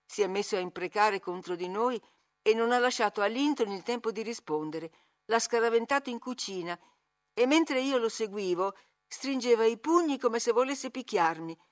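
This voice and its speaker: A woman narrating a classic novel as an audiobook reader, measured and expressive. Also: on the high side.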